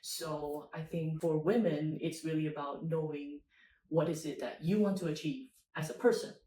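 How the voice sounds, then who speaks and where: A woman's voice: deep voice, fairly even intonation, moderate pace, dark tone. A young woman, a guest in a casual interview, speaking in a friendly, thoughtful way and often restarting phrases. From Singapore. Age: young adult. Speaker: interview guest, agile coach. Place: busy conference venue. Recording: echoey, far from the mic, faint background noise.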